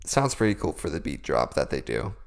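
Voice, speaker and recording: A man's voice: very deep voice, sing-song, fairly quick, gravelly. A young man hosting a casual beatboxing tutorial, explaining vocal techniques in a laid-back, self-deprecating way.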